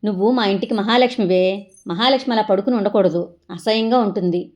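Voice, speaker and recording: A woman's voice: mid-range voice, fast, a little mellow, close to an everyday voice. A woman voicing a bossy but loving middle-aged mother who scolds and lectures her children in a comic family sketch. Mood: scolding.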